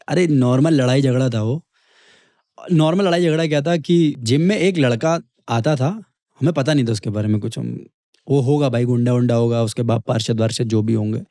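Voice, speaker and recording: A young man from Kanpur, India, with a mid-range voice tells a story as a guest in a casual chat. An MMA fighter, he narrates vividly and acts out the dialogue, recorded in clean studio sound with no room sound.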